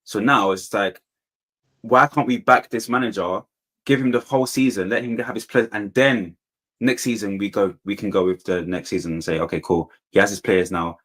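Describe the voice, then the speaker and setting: A man's voice: fairly low pitch, normal speed, a bit bright. A man in a casual football debate, slangy and repeating points for emphasis. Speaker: football fan panellist.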